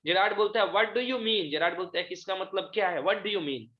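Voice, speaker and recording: A man teaching an English lesson, reading lines from a play slowly and explaining each one in Hindi, with frequent check-ins to his students. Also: high voice. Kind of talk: online class lecture, reading a play aloud and explaining in Hindi. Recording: echoey room, dull lo-fi sound.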